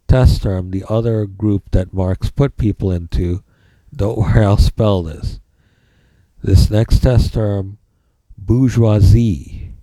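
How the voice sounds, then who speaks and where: A man's voice: fairly low pitch, mellow, no room sound. A man teaching a class, dictating notes by spelling words, calling out punctuation and repeating phrases.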